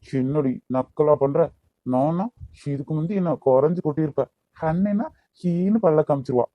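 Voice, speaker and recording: A man's voice: on the high side, normal speed, no echo, lo-fi sound, lightly acted. A man voicing a jealous, bossy young man in a cartoon, with a Kanyakumari Tamil accent. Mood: grumbling. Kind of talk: amateur cartoon voice acting.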